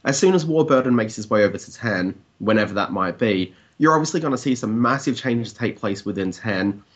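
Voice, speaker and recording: A man's voice: lowish voice, animated, a little fast, muffled recording. An Australian man in casual discussion, giving his opinions in a conversational way peppered with "I mean". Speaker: TV industry commentator, blogger.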